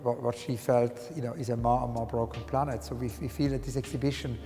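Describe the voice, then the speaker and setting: A man from Switzerland speaking earnestly in a documentary interview, often pausing and restarting to find his words. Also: mid-range voice, flat delivery, mellow. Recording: long hall reverb, faint music.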